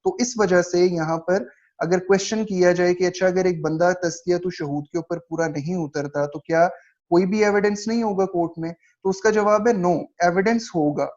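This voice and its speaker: Delivering a law lecture, this Pakistani-accented man reads out points and explains each, slowing noticeably whenever he reads aloud. He has a high, steady, slightly mellow voice and a didactic manner. The audio is dull and low-fidelity.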